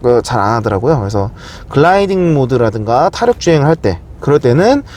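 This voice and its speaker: A man's voice: medium pitch, big pitch swings, brisk, a little mellow, slight background noise. A man presenting a casual explanatory walkthrough, often asking questions and answering them himself. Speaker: car video presenter.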